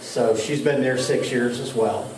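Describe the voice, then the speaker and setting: A man's voice: medium pitch, steady tone, unhurried. A middle-aged man with an Appalachian accent casually introducing himself at a meeting in a room. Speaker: new highway department operator. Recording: echoey room, distant mic, loud background noise.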